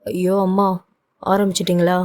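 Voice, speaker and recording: A woman's voice: medium pitch, moderate pace, warm tone, natural voice. A woman voicing a young adult son who brushes off his troubles and coaxes his mother. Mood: coaxing. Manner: coaxing, brushing things off. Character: young adult man, cheerful son hiding his hurt.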